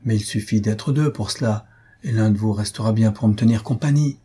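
A sly old beggar in a read-aloud storybook, voiced by a man with a deep husky, mellow tone. He speaks in a wheedling, reproachful way. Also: a little fast.

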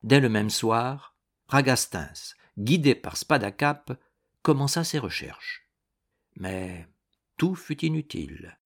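A man reading a historical adventure novel aloud in a measured, dramatic way. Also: mid-range voice, lively intonation, gravelly. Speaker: audiobook narrator.

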